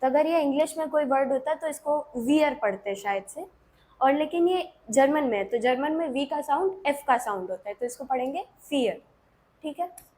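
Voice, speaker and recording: A woman's voice: high voice, expressive, brisk, darkish tone. A woman with an Indian accent teaching a beginner language lesson, explaining patiently step by step and checking in often.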